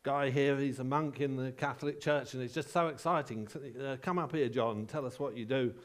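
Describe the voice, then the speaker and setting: A man putting on the voice of an excitable woman who hosts church meetings, gushing and repeating herself breathlessly. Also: mid-range voice, a little fast, close to an everyday voice. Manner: breathless, repetitive enthusiasm.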